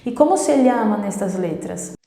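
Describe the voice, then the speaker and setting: A Brazilian woman, a native Portuguese speaker, giving a casual Spanish lesson in a chatty way, often repeating herself and slowing down to demonstrate sounds. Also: medium pitch, animated, creaky, mellow. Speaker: Spanish teacher. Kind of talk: casual online language lesson. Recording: echoey room with long reverb.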